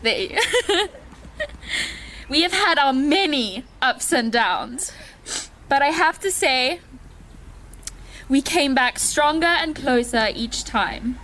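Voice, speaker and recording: A high-voiced woman in her late teens delivers a farewell speech as a graduating student, her words slow and unhurried. She is tearful and keeps breaking into laughter mid-sentence, sentimental about her friends. Faint noise sits behind her. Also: lively intonation, fairly bright tone. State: tearful, laughing through tears. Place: school hall with audience.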